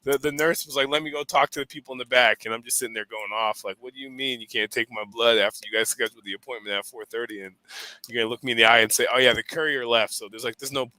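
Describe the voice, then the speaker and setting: A man's voice: mid-range voice, steady tone, fast talker, sharp tone, dry recording, rough recording. A man co-hosting a podcast, chatting casually and rambling through stories in which he acts out what other people said. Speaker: podcast co-host.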